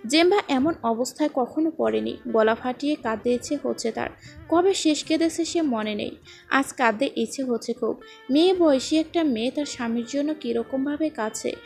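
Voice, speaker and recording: High-voiced woman reading a dramatic story. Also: normal speed, creaky, darkish tone. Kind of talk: emotional story narration. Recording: faint background music.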